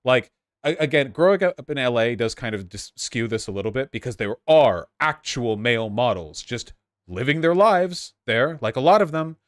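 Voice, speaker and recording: Man, streamer reacting to videos, sarcastic and swearing, mid-pitched voice, dry sound. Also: lively intonation, no room sound. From Los Angeles, USA. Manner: sarcastic, laughing, swearing, quick asides. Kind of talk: casual live-stream commentary.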